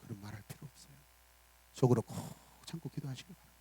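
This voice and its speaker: Emphatic Korean pastor preaching, dry sound. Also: male voice, medium pitch, expressive, fast, breathy edge, no room sound. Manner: emphatic preaching that swings from loud declarations to soft asides; acts out little dialogues in character voices. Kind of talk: sermon.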